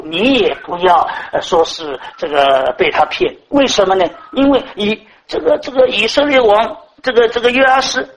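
A man with a high voice preaches a sermon. He talks to the congregation directly, asks rhetorical question after rhetorical question and keeps falling back on filler words. His tone is admonishing but conversational. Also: rough recording.

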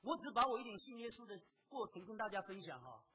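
A preacher delivering a sermon, emphatic and full of rhetorical questions, swinging between loud exclamations and quiet asides. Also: mid-range voice, sing-song, quick pace, rough recording.

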